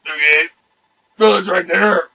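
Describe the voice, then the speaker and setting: A man voicing a female jail officer, flat and matter-of-fact, close to his own voice. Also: high-pitched, unhurried, creaky, heavily acted.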